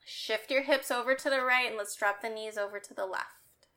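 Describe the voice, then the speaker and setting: A woman guides a yoga class with calm, meditative instruction. Her voice sits a little high and has a clearly bright edge. She gives each cue without hurry. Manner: calm, meditative, unhurried cueing.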